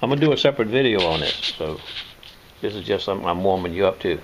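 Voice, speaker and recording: A man's voice: low-pitched, lively intonation, quick pace, background noise. An older man, casually demonstrating tools in his home workshop, rambling and folksy. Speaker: knife sharpener showing his shop tools.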